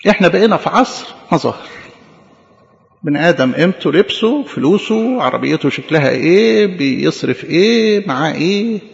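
A man with an Egyptian Arabic accent preaching a sermon as a priest, animated, playing out quick imagined exchanges and repeating words for emphasis. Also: fairly high pitch, creaky, long reverb tail, lo-fi sound.

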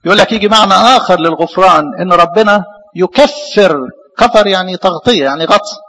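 A man with an Egyptian Arabic accent preaching a sermon as a priest, lively, with many rhetorical questions. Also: high-pitched, fast, long reverb tail, low-quality recording.

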